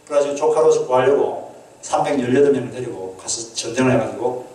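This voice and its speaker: A man's voice: medium pitch, fast, warm tone. Echoey distant male pastor preaching. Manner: earnest, asks the congregation questions, acts out quoted prayers. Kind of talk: sermon. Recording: echoey hall, mic at a distance.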